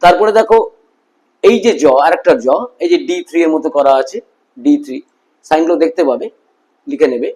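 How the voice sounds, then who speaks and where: A man with a Bengali accent teaching English pronunciation, repeating each word slowly and often checking that his listeners follow. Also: a little high, lively intonation, a little mellow, low-quality recording. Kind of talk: phonetics lesson explaining sounds and symbols.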